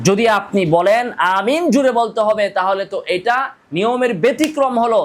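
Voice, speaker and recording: A man preaches on points of prayer in a notably high voice. He recites short Arabic passages, translates them, and keeps pressing his audience with pointed rhetorical questions. His delivery is that of a mufti building an argument step by step. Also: fairly quick, slight background noise. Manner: recites Arabic hadith text then translates. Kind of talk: religious lecture on prayer rulings.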